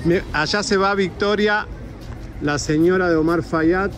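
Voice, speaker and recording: A man with an Argentine accent reporting gossip out on a city street, loud, mocking and heckling into a handheld phone. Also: high-pitched, measured pace, soft background music, some chatter behind. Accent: Argentine Spanish. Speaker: host. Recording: noisy street recording.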